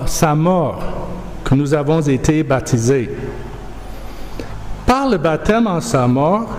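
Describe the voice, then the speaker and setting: A man preaches in a slow, deliberate way, leaning on key words as he reads scripture. His voice sits a little high for a man. It rings through a reverberant church hall over a faint room hum. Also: a little mellow. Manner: slow, measured, emphatic delivery. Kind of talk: sermon with scripture reading. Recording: echoey hall, faint ambience.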